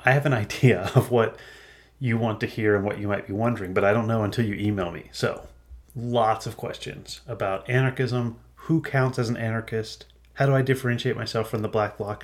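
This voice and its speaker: Lively lower-voiced male podcast host. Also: normal speed. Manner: conversational, animated, laughs mid-sentence. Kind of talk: unscripted listener Q&A monologue.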